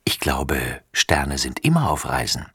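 A man voicing a gentle old grandmother in a storybook reading, soft and calm. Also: very deep voice, unhurried, husky, dry recording, clean studio sound, pitched below the performer's own voice, full character voice.

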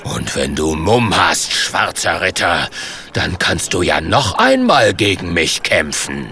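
A man voicing a huge, bossy dragon uncle in a children's storybook, with a slow, booming growl. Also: very animated, pushed and bright, full character voice. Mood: gruff bossy.

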